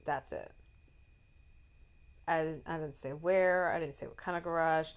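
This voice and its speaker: A woman streamer telling a story in casual, animated chat, swearing freely. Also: low-pitched, unhurried, vocal fry, smooth.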